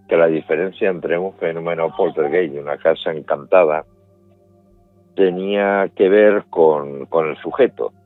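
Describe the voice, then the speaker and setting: A middle-aged man with a Spanish accent speaks in a low voice, laying out his ideas step by step and often restarting his phrases. He is heard through a dry, phone-like remote line with faint music underneath. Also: no echo. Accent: Spanish from Spain. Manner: measured, explains step by step with restarts. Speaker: paranormal investigator guest. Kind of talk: interview answers, explanatory.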